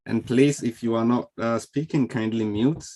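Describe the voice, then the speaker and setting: A man's voice: medium pitch, fairly even intonation, moderate pace, dark tone. A man moderating an online event from a video call, welcoming people in a friendly way with frequent fillers. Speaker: webinar host. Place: home or office on a video call. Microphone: video call microphone.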